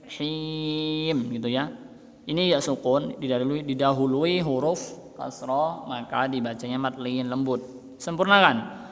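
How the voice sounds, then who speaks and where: Slow, bright-voiced man teaching recitation. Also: medium pitch, big-room sound. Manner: slow, patient explaining with drawn-out melodic recitation. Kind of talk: tajwid lesson with chanted recitation.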